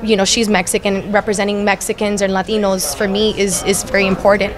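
A young woman from Miami, USA, an actress guest at a crowded event, speaks at medium pitch in a level tone and at a fairly quick clip. She talks earnestly in a casual interview, with many restarts and fillers, into the interviewer's handheld mic. Music plays in the background along with crowd chatter.

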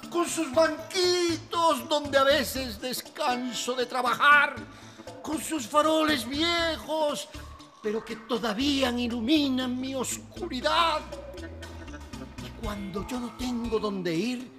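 An actor playing a vain middle-aged poet in a telenovela, declaiming grandly like a hammy stage actor. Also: male voice, very high-pitched, takes it slowly, music in the background, full character voice. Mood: grandiose. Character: vain, theatrical older male poet declaiming his verse. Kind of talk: telenovela acting, poetry recital.

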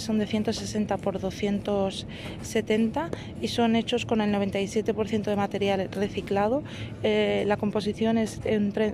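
A woman's voice: medium pitch, background noise. A woman vlogger chatting casually as she walks through a store aisle, hesitating with fillers while she reads product labels. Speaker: shopping vlogger. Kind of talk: casual shop walkthrough. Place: indoors in a large store aisle. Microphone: phone held while filming.

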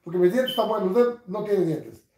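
A man, hosting a casual livestream from his couch, reading comments with crude, mocking humor and bursts of loud laughter. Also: high voice, sing-song, moderate pace, vocal fry, roomy sound. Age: 60s. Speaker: livestream host. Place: living room, seated on a couch at home.

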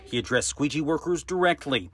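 On a city street at night, a man in his thirties holds a handheld mic and delivers a TV news field report in a steady, clipped newscast style. His voice is on the high side with a breathy edge, fairly quick, and carries no echo.

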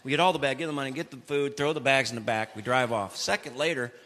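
A man's voice: mid-range voice, fast, long reverb tail. A man performing stand-up comedy, acting out characters in comic voices and singing parody songs. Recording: loud music behind the voice.

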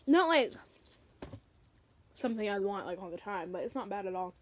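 A young woman co-hosting a casual snack taste test, soft-spoken and hesitant, with wry little remarks. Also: medium pitch, animated, normal speed, slight background noise. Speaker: co-host.

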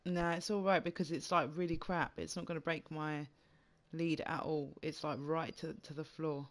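A man's voice: fairly high pitch, level tone, moderate pace, fairly bright tone. A man with a slight lisp streaming a fishing game, chatting casually with friends and stumbling over words now and then. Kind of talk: casual gaming chat.

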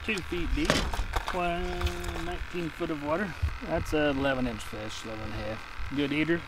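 A man, a fishing guide giving excited play-by-play from a boat and coaxing the fish. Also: fairly high pitch, a little fast, heavy background noise. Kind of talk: casual on-the-water fishing commentary. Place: outdoors on a boat on a lake. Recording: distant outdoor mic, loud frog croaks behind.

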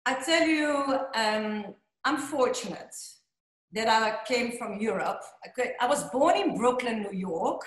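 Through a laptop webcam mic, a Belgian interview guest in her forties chats casually on a video call from a roomy, bright office that lends her slightly high voice an echo. She's animated and gestures a lot, says "you know" often, and keeps a measured pace.

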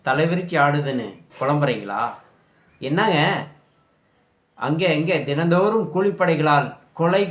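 A man ranting in anger about politics, scolding and shouting at his listeners. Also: a little high, reverberant. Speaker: political commentator. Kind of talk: angry political rant.

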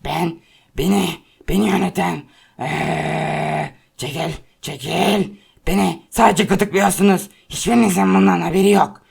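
A woman voicing a male hero turned into an angry fire monster in a toy play-acting video, with a strained, gravelly voice and threatening or pleading delivery. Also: lowish voice, steady tone, unhurried, a little mellow, pitched below the performer's own voice, full character voice. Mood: menacing. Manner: pleading, then raging threats.

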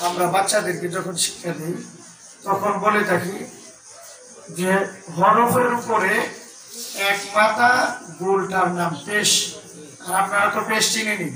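A man's voice: high voice, steady tone, moderate pace, pauses often, echoey room, far from the mic, background noise. A man with a Bangladeshi Bengali accent teaching a Quran reading lesson, drilling the letter sounds in a chanting, sing-song way.

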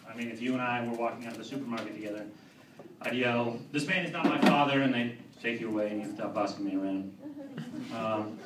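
A young man tells a stand-up story in a deadpan, halting way and keeps correcting himself as he goes. His mid-pitched voice is picked up from a distance in a roomy club, and a lively audience can be heard around him. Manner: deadpan, halting with fillers and restarts. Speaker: stand-up comedian. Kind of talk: stand-up set. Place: comedy club with live audience.

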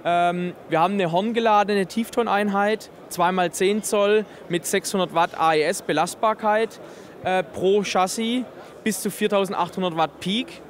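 A man in his thirties with a noticeably high voice shows off a loudspeaker system at his booth in a busy trade fair hall. Speaking into the interviewer's handheld mic, he enthusiastically walks through the technical details.

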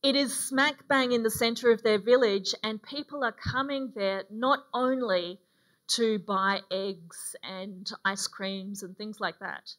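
A middle-aged woman preaching a sermon in a relaxed, conversational way with frequent ums, speaking from a lectern on a church stage. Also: mid-range voice, slow. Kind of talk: sermon with a mission story. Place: dark church stage, indoors.

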